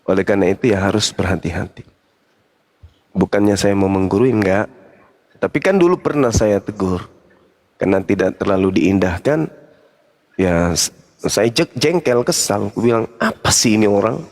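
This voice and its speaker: Older man, host, fatherly, lecturing, animated storyteller. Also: fairly low pitch, moderate pace, pauses often. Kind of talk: casual advice chat on a live stream.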